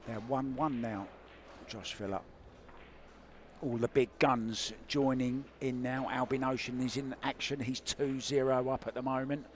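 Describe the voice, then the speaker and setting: A man's voice: mid-range voice, steady tone, a little slow, slight background noise. A man doing live play-by-play commentary on a pool match, chatty and informative in an upbeat way.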